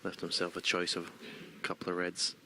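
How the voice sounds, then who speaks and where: Low-voiced male snooker co-commentator. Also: completely flat delivery, fairly quick. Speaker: snooker co-commentator, former player. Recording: noisy hall ambience behind. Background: snooker hall noise.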